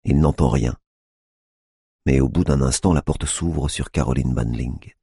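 A man narrating an audiobook in a measured, grave manner. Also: extremely low pitch, creaky, mellow, slightly rough, dry recording, studio quality. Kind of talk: scripted narration.

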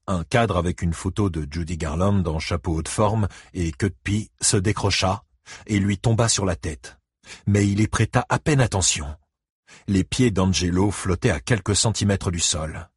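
A man narrating a novel as an audiobook, in steady storytelling. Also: sits low, breathy edge, no echo, clean studio sound.

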